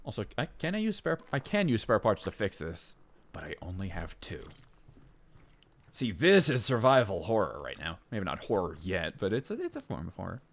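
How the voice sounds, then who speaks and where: A man casually commenting on his gameplay in a rambling way, full of fillers and self-interruptions, jumping up in pitch when excited. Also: moderate pace, gravelly. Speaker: let's play gamer.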